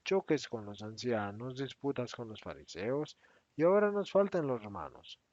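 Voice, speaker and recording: An indignant, defensive apostle who keeps protesting, his voice pushed higher and louder than the narration, as a male reader acts him out. His pitch swings widely. The recording is dry and a bit dull. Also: sing-song, normal speed, dry recording, close to an everyday voice. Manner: agitated, protesting, raised voice. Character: resentful, defensive male apostle Judas, adult.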